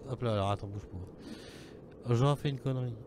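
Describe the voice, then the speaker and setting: A man's voice: medium pitch, normal speed, background noise. A man running an online tabletop game as game master, casual and teasing, swearing freely. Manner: casual, swears, teases players.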